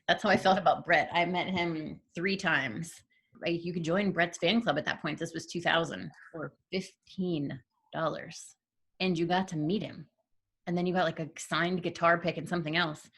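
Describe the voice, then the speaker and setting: A woman, hosting a casual interview and telling an animated story, acting out quotes with gushing energy. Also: lowish voice, normal speed, vocal fry. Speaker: podcast host.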